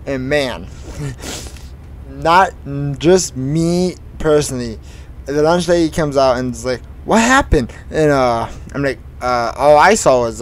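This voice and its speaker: A man's voice: medium pitch, poor audio. Rambling teenage guy telling a story. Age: teens. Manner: rambling, halting, many fillers and restarts. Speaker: gaming streamer. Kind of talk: casual storytelling while driving in a game.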